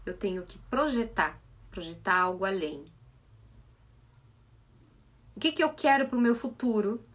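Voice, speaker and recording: A woman with a Brazilian Portuguese accent, a psychoanalyst giving a reflective live-stream talk full of animated rhetorical questions. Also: medium pitch, a little slow. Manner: asks many rhetorical questions, animated and coaxing.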